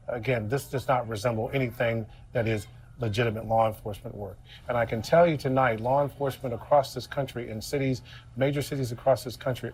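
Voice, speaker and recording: A man's voice: medium pitch, a little mellow, poor audio. Grave American male news correspondent. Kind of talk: live analysis on a newscast.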